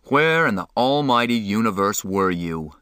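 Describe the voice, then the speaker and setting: A man reading an audiobook, voicing a harsh, exasperated older brother who scolds and shouts. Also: fairly low pitch, animated, takes it slowly, clean tone, no room sound, studio quality, full character voice. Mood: angry, exasperated.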